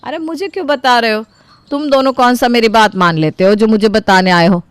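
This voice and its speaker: A woman's voice: fairly high pitch, brisk, clear, resonant tone, no echo, natural voice. A woman playing a doting but stubborn old grandmother in a storybook tale, with a commanding, scolding way of talking. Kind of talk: voiced storybook character.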